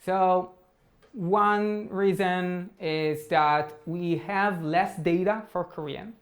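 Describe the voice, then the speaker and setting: A male tech talk presenter with a high voice speaks extremely slowly and with fairly even intonation. Giving a technical talk and answering audience questions, he comes across as hesitant, full of fillers and restarts.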